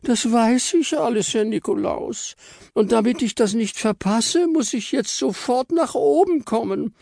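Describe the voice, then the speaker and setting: A man's voice: animated, measured pace, creaky, darkish tone, dry recording, clean studio sound, full character voice. A man voicing a self-important, big female chocolate star who whines and wails melodramatically. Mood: insistent. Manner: shrill, wailing and melodramatic.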